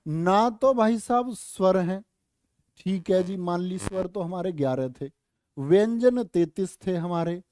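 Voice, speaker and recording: High-voiced male Hindi teacher drilling sounds. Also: warm tone, dry recording, clean studio sound. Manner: quizzing students with rhetorical questions, friendly jokey asides; drawn-out, careful pronunciation drills. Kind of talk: online exam-prep lesson.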